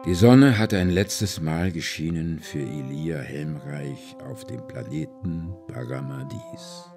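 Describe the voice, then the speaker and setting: A man's voice: a bass voice, slow pace, gravelly, music in the background. A man narrating an audiobook in a dramatic storytelling manner with varied emphasis. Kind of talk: scripted narration.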